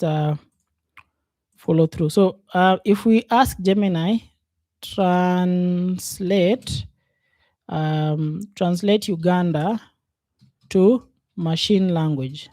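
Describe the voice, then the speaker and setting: Mellow-voiced man teaching coding. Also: high-pitched, no echo, studio quality. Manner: unhurried, thinks aloud with many fillers. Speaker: programming instructor. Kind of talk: casual screen-share coding lesson.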